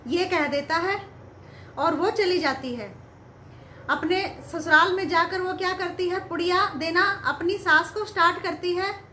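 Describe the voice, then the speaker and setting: Very high-voiced woman telling a moral story. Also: a little slow, bright, forceful tone, slight background noise. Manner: simple, moralising, repetitive. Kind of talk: motivational storytelling. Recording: roomy echo, faint ambience.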